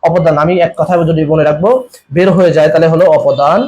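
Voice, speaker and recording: A man's voice: fairly high pitch, steady tone, fast, a little mellow, lo-fi sound. A young man teaching a live online exam-prep class, repeating each question and coaxing viewers to answer in the comments. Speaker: admission coaching teacher.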